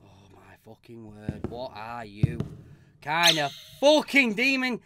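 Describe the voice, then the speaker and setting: A man's voice: mid-range voice, wildly swooping pitch, takes it slowly. A man commenting on a horror game he is playing, swearing often, shrieking when startled and reading on-screen text aloud. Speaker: let's play gamer. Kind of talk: let's play commentary. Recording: loud noise behind voice.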